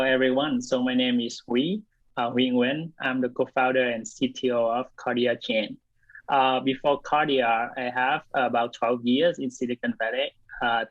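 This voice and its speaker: A man of medium pitch, born in Vietnam, is the guest: co-founder and CTO of a blockchain firm. His casual interview replies are hesitant, riddled with fillers and restarts. The audio is dry and lo-fi.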